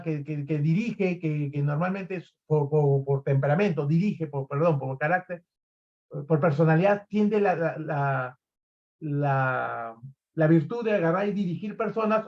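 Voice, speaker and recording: High-voiced animated male lecturer. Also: dull audio. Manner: animated, acts out examples, frequent restarts. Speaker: leadership trainer. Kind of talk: recorded lecture to students.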